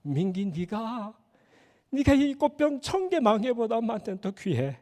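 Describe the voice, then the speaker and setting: A preacher playing a soft, slow-drawling mother. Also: very high voice, big pitch swings. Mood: tender. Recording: church hall reverb.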